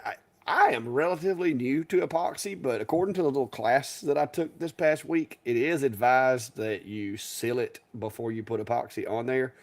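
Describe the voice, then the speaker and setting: A man co-hosting a live stream, talking casually in a rambling, folksy way. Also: medium pitch. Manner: rambling, folksy, restarts and chuckles. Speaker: co-host.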